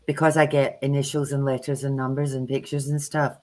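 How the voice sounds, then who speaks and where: Her rumbling low voice is a little mellow, flat in delivery and fairly quick. She's a tarot reader co-hosting a casual livestream via video call, bluntly spinning chatty anecdotes.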